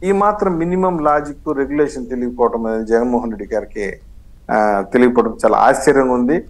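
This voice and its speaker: A man's voice: medium pitch, brisk, poor audio. Combative man in a TV debate. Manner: combative, sarcastic, mixes in English phrases. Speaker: political party spokesman, debate guest. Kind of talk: heated TV news debate.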